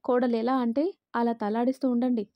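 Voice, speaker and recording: A woman voicing a bitter, sharp-tongued middle-aged mother-in-law who scolds and taunts in a raised voice. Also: a little high, flat delivery, brisk, muffled recording, close to an everyday voice. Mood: scornful.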